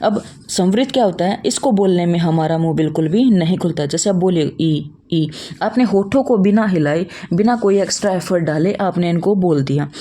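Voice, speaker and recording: A young woman teaches an online class in a low, mellow voice. She works through the material step by step, asking a question and then answering it. She calls her students children. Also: brisk. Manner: explains step by step, asks and answers own questions.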